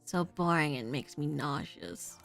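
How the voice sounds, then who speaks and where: A woman's voice: sits low, sing-song, a little slow, vocal fry, fairly bright tone, faint music behind, voice pushed down, full character voice. A woman voicing a mischievous, morbid male detective from a video game, with a theatrical, teasing cadence. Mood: morbid relish. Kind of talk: dramatic dub-like reading of game dialogue.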